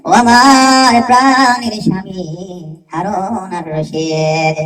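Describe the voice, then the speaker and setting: A male preacher voicing a calm, devoted queen speaking tenderly, in an echoey hall with a distant mic. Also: sits high, slow, faint music behind, voice pushed down.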